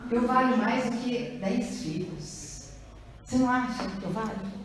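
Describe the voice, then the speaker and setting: A woman's voice: on the high side, animated, unhurried, heavy reverb, distant mic, pitched below the performer's own voice. A smug boastful husband, as a woman preacher puts him on. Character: smug, self-satisfied husband, a grown man.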